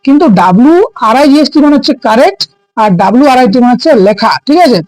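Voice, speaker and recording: Male teacher, high voice, dry close sound, keeps checking students follow. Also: expressive, rapid-fire, darkish tone, no echo, poor audio. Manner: keeps asking students "ঠিক আছে?"; explains by asking and answering his own questions. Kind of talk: exam-prep lesson.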